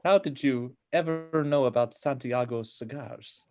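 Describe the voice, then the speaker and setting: A gallant, courtly elderly Cuban gentleman, as a man reads him in an amateur sitcom read-through. He speaks at a middling pitch for a man and addresses the ladies with smooth old-fashioned flattery. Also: a little slow, lightly acted.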